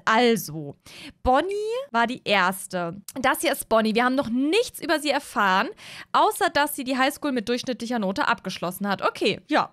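A chatty female let's play host giving casual commentary on a life-sim game. Her voice sits a little high for a woman. It sounds dry and close on a desk mic, with no room echo. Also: fairly bright tone. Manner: chatty, keeps asking "ne?".

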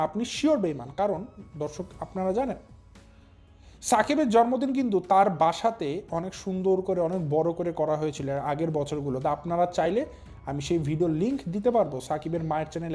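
A young man with a high voice hosts a casual commentary vlog and talks straight to his viewers. He mocks the people he discusses and drags out the words he wants to stress. Faint music plays under him. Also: mellow. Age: young adult. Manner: drawn-out emphatic stresses, mocking. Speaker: commentary channel host.

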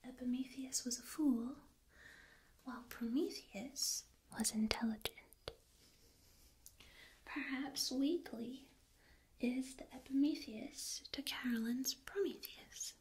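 A woman softly whispering an ASMR analysis in a slow, deliberate way, ear to ear into a binaural microphone. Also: high-pitched, slight background noise.

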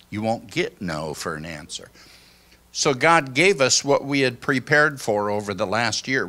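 An older man giving an informal sermon to a small congregation, speaking slowly and conversationally into a handheld microphone in a church hall. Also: mid-range voice, sharp tone. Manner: slow, conversational, reflective. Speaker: pastor.

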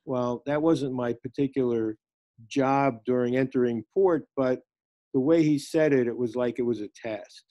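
A man with a warm, soft-edged voice tells a story over a video call. He rambles a little and pauses on fillers as he gathers his thoughts. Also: medium pitch, lo-fi sound. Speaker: small group participant.

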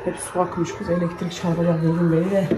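Home-vlogger mom in her thirties, low-ish voice, chatty self-talk while cooking; recorded with a noisy kitchen. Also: little pitch movement, fast talker. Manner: chatty, muttering asides to herself. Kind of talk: casual vlog chat while cooking.

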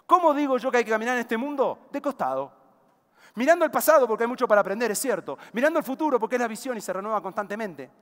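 A man's voice: high voice, animated, rapid-fire, hardly any pauses, a bit bright. A man with a Rioplatense Argentine accent giving a conference keynote talk, telling stories and firing rhetorical questions at the audience. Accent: Rioplatense Argentine Spanish. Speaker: keynote speaker. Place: large conference hall before a big audience. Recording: reverberant large hall.

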